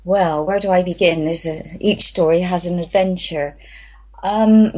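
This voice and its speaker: A woman's voice: on the low side, rough recording. A woman from England, a voice therapy practitioner, telling her story as a guest in an interview in a chatty, enthusiastic way. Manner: chatty, enthusiastic, acts out quotes.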